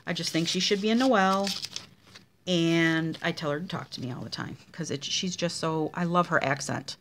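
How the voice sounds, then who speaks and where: A woman's voice: fairly low pitch, moderate pace, a bit bright, a little hiss or hum. A woman casually showing handmade cards in a craft vlog, chatty and gushing over each one. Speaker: craft demonstrator showing card swaps.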